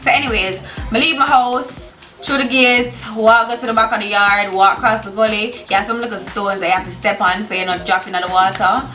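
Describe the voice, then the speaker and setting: A roomy, echoey recording with music behind a young woman telling a casual story. She has a strong Jamaican accent and slips into Patois, in a high, bright, forceful voice. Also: fairly even intonation, a little fast, hardly any pauses. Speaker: storytime vlogger.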